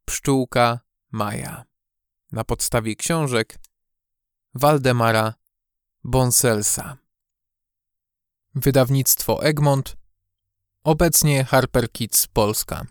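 A man narrating a children's storybook audiobook with expressive, measured storytelling on a close studio mic. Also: mid-range voice, clean tone, no room sound.

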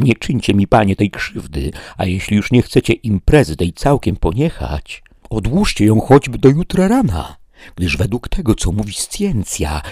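A man voicing a timid, pleading peasant squire who talks high and strained. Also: darkish tone, breathy edge, no echo, clean studio sound.

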